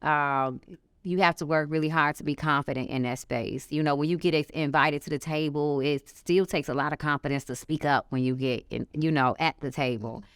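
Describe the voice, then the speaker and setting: A woman's voice: deep voice, normal speed, smooth, no room sound, clean studio sound. A middle-aged woman with a Chicago accent, a small business co-founder, talking frankly and animatedly in an interview. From Chicago area, United States. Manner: frank, animated storytelling with emphatic asides. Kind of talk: candid conversational interview.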